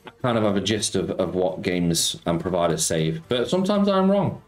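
A deep, expressive voice at a moderate pace belongs to a middle-aged slots streamer from Nottingham, England. Live from his home streaming room, he reads viewer messages aloud and greets people with cheeky, easygoing banter. Faint background music and an echoey room come through on the recording.

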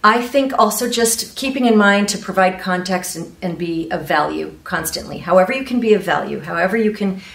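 Her lowish, gravelly voice is expressive and fairly bright, delivered briskly with hardly any pauses. The speaker, a woman in her forties from Ecuador and a real estate agent with Spanish as her first language, answers earnestly on an interview panel, gesturing while she explains before a large meeting-room screen. A far camera mic leaves the audio echoey and distant, with faint noise.

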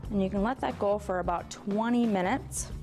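A middle-aged woman chef instructor walking through a recipe in a relaxed, chatty way with plenty of fillers. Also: mid-range voice, moderate pace, over loud music. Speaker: cooking school chef instructor. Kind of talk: casual cooking demonstration. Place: studio kitchen.

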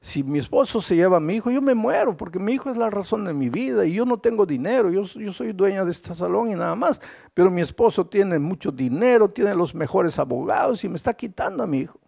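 A man voicing a distraught hairdresser woman who pleads in a raised, pleading pitch while telling a story in a sermon. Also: lively intonation, fairly quick, gravelly, dark tone, breathy edge, full character voice. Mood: desperate. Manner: pleading, pitch raised above his own voice. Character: distraught middle-aged woman hairdresser, cheerful by nature.

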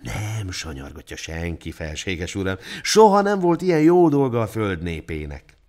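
A man voicing a greedy, cruel male town judge in a storybook tale, slow and humble toward the king. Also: low voice, wildly swooping pitch, darkish tone. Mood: fawning, humble.

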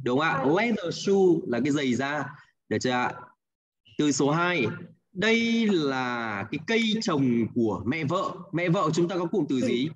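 A man's voice: on the high side, big pitch swings, moderate pace, highs cut off. A man with a Hanoi accent teaching an English class, patiently repeating answers and checking in with the students. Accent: Hanoi Vietnamese. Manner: patient, repeats answers, ends with "đúng không ạ?". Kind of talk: online class, guiding students through exercises.

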